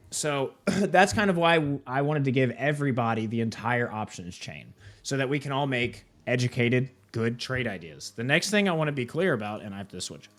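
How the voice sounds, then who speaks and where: Young guy running a live trading walkthrough, loose and chatty, says "right?" a lot, mid-pitched voice. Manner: casual, filler-heavy, keeps asking "right?" and "okay?". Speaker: trading platform host. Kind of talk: live screen-share walkthrough.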